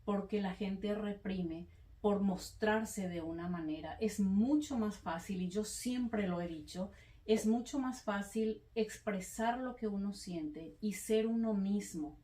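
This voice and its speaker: A woman explains her points slowly and carefully, like a teacher guiding a small group, and often adds short affirming sounds. Her voice is mellow and warm. It is heard from a distance in a room that echoes. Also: medium pitch. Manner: measured, explanatory, with frequent affirming interjections. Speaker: evangelist and speaker. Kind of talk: calm teaching in a faith conversation.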